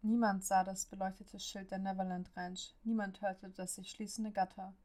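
A woman reads a story aloud as an audiobook narrator. Her pitch barely moves, keeping each line level and even from one sentence to the next. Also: moderate pace.

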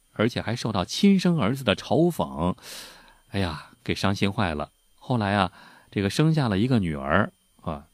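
A man with a very deep voice tells old history in a chatty, folksy way. His pitch swings widely as he talks, and he fills his speech with casual spoken particles. The recording is dry and close to the mic. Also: dry recording. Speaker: history storyteller.

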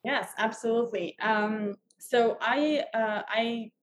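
A woman's voice: on the high side, slow pace. Israeli-born woman violinist, thoughtful guest. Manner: thoughtful, many fillers and restarts. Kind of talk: casual interview talk.

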